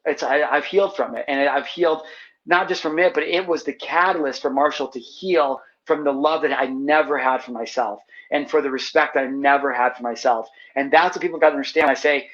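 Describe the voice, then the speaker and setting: A man's voice: on the high side, fairly quick, fairly bright tone, dull audio. A man as a podcast guest, telling a personal story in a passionate, heartfelt way with casual, slangy speech. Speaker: podcast guest, manifestation teacher. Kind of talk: emotional personal storytelling in conversation.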